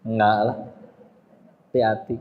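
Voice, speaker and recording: A man's voice: lowish voice, flat delivery, unhurried, narrow, tinny audio, slight background noise. A man giving a humorous, playful sermon to women, acting out quotes and imagined objections. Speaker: preacher.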